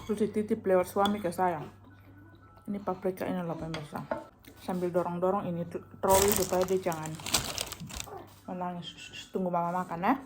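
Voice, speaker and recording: A woman's voice: lowish voice, level tone, normal speed, pauses often, background noise. A woman, vlogging casually at home and cooing to her baby between remarks to viewers. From Indonesia. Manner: chatty, coos softly to her baby, sometimes drops to a hush.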